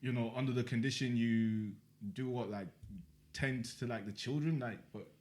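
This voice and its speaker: A man's voice: medium pitch, fairly even intonation, moderate pace, a little mellow. A young man co-hosting a podcast, laid-back and slangy in casual chat. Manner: laid-back, slangy, says bro a lot. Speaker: podcast co-host.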